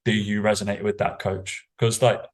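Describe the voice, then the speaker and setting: A man's voice: fairly low pitch, little pitch movement, normal speed. A British man, a fitness coach, chatting casually on a podcast in a blunt, sweary, rambling way.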